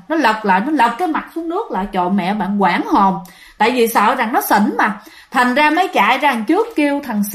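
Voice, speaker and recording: Woman ghost-story teller, high voice, chatty and dramatic. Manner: chatty, dramatic, addresses listeners. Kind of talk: casual storytelling to listeners.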